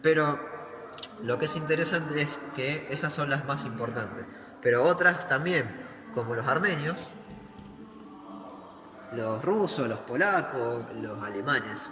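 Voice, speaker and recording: A man's voice: medium pitch, moderate pace, a crowd in the background. A man with an Argentine accent guiding visitors through a museum, explaining as he goes and asking and answering his own questions. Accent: Argentine Spanish. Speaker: museum tour guide. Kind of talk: guided museum tour explanation. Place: museum hall. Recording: echoey room with loud background noise.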